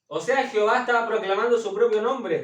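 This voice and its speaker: A man teaching from the Bible as a preacher, repeating phrases for emphasis, asking his listeners questions and often pausing on hesitation sounds. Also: high-pitched, steady tone, a bit bright, recorded from a distance. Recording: echoey room, voice set back from the mic.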